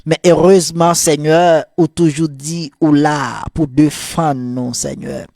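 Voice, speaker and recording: Haitian Creole-accented male priest, slow and gravelly, dry close sound, fervent morning sermon. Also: a little high, steady tone, dry recording. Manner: fervent, repetitive call-and-response cadence; soft murmured prayer.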